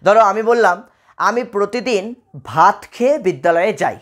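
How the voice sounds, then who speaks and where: A man's voice: high voice, animated, normal speed. A man from West Bengal teaching an exam-prep lesson, repeating key points and checking in with his students. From West Bengal, India. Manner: repetitive, asks students check-in questions.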